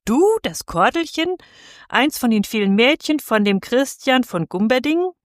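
Eine Frau spricht eine scharfzüngige alte Tante. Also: female voice, mid-range voice, lively intonation, moderate pace, dry recording, clean studio sound, close to an everyday voice. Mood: scolding. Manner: indignant, scolding. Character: sharp-tongued, talkative old spinster aunt.

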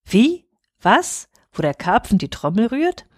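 A woman voicing a filthy, brash young man in a storybook, calling out loudly and excitedly. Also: mid-range voice, moderate pace, dry recording, studio quality, close to an everyday voice. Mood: confused pleading. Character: filthy, brash young male lout, eager to marry.

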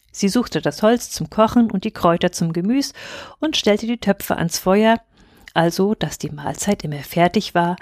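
A woman narrating a fairy tale in a calm, even storytelling voice on a close mic. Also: mid-range voice, no room sound.

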